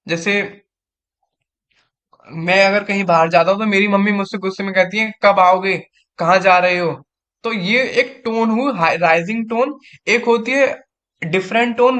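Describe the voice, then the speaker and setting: High-voiced young man tutoring exam prep. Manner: chatty, acts out angry and gentle example lines. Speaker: tutor for engineering exams. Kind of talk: casual exam-prep lecture.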